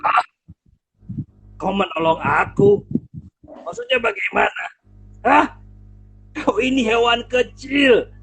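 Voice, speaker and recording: A man voicing a proud, angry male lion king who roars and scoffs in a booming, gravelly voice. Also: wildly swooping pitch, slow, long pauses, a bit bright, heavily acted, low-quality recording. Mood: scoffing.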